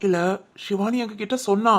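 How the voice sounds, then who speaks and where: A woman's voice: medium pitch, steady tone, a little fast. A woman voicing the members of a homemade family drama in an emotional, conversational way.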